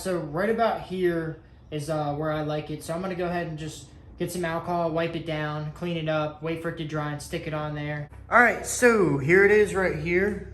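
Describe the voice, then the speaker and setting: A man with a slightly high voice walks through a hands-on tutorial, informal and laid-back. The room echoes around him and there is faint background noise. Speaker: vlogger giving a how-to.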